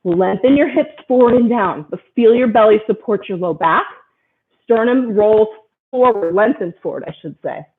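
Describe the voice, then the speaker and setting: A woman yoga instructor guides a class through poses with brisk, encouraging cues on alignment and breathing. Her voice comes through thin and tinny, like audio over a phone line. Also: mid-range voice. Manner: steady stream of short, encouraging body cues.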